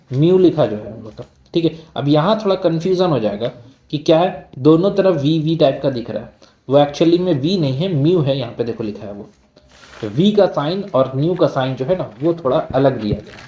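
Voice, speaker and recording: A man teaching a textbook lesson line by line, with a somewhat high but mellow, warm voice. He reads each passage slowly, then drops into casual explaining, posing questions to the class and answering them himself. The room around him is roomy and echoey.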